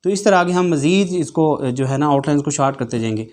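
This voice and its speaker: A shorthand teacher with a voice pitched a bit above the usual for a man. He reads out news sentences phrase by phrase, naming each comma and full stop, then talks briskly and plainly to his students about how to practise. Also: expressive, darkish tone. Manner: dictates very slowly, one phrase at a time; brisk, instructive talk to students. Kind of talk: slow word-by-word dictation with spoken punctuation, then teaching talk.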